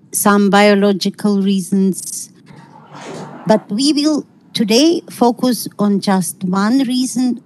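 Slow, halting middle-aged woman lecturing online. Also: medium pitch, a little mellow, poor audio. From Kazakhstan. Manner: halting, searching for words, non-native phrasing. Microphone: video call.

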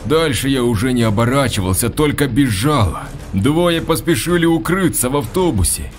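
A man's voice: medium pitch, lively intonation, moderate pace. Brief: male audiobook narrator, dramatic reading, faint music underneath. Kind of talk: scripted narration.

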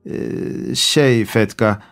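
A man voicing a pushy young coachman who wheedles and hesitates with a drawn-out "e" sound. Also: on the low side, fairly bright tone, smooth, faint music behind. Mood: wheedling. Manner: nudging, starts lines with hesitant "e".

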